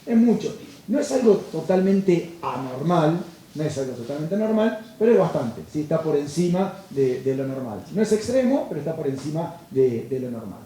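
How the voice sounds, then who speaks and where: A man's voice: a little high, very animated, normal speed, dark tone, a little hiss or hum. A man, a meteorologist giving a lecture, explaining patiently and checking in with listeners. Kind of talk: lecture to farmers. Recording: echoey hall, distant mic.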